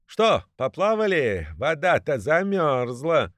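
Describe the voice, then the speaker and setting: A man's voice: big pitch swings, slow pace, fairly bright tone, no room sound, clean studio sound, exaggerated voice. A man voicing a noisy, mocking female jackdaw who cries out warnings, in a storybook reading. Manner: shrill, crying out.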